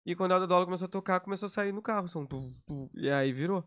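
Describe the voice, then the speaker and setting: A man from Brazil, a party organizer, telling lively, slang-filled stories in a casual chat. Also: sits high, clear, resonant tone. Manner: fast, animated storytelling with slang.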